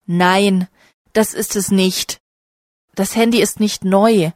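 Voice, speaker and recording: A woman's voice: mid-range voice, steady tone, slow, a little mellow, no room sound, studio quality, close to an everyday voice. A woman reading the lines of a friendly young woman in a storybook reading. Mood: polite.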